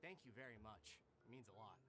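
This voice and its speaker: An actor voicing a weary, sulky adult caretaker in a game, sighing and dismissive. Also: male voice, fairly low pitch, animated, a little fast, background noise, close to an everyday voice.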